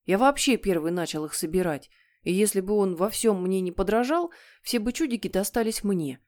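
A woman voicing a naughty, greedy young boy who shouts and demands, in an audiobook reading. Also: mid-range voice, animated, normal speed, lightly acted. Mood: sulky. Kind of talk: audiobook character voice.

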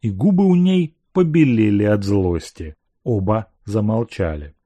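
A man reading a classic novel aloud as an audiobook narrator, with expressive storytelling. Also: on the low side, a little slow, dry recording, dull audio. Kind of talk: scripted narration.

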